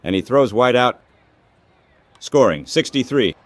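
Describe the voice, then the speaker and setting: In this baseball radio play-by-play, a synthetic man's voice calls the game in terse, clipped phrases. His mid-range voice has lively intonation and an unhurried pace, with no room sound.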